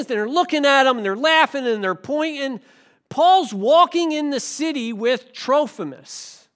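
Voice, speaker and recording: A pastor with an extremely high-pitched voice preaches conversationally to his congregation. He asks the room questions and swings between loud stresses and quiet asides.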